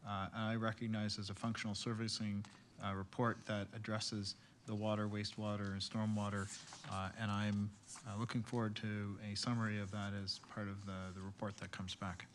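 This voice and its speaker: Male councillor, low and flat, measured and hesitant, faint hiss behind. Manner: measured, hesitant, many fillers. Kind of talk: council meeting remarks.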